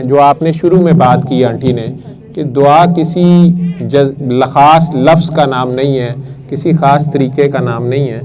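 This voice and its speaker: A man earnestly recounting a personal spiritual story at a prayer session, unhurried and reflective. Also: a little high, low-quality recording. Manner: unhurried and earnest, recites verses slowly.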